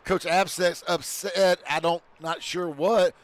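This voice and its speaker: A man calling high school football play-by-play, shouting on big plays. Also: fairly even intonation, slow. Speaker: play-by-play announcer.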